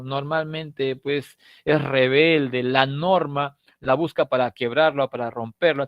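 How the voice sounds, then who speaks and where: Joking Lima teacher in a dry room. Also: male voice, a little high, dry recording, lo-fi sound. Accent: Peruvian Spanish (Lima). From Lima, Peru. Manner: conversational, tags lines with "¿no?", jokes with students. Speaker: language teacher. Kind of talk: lecturing to a prep-course class.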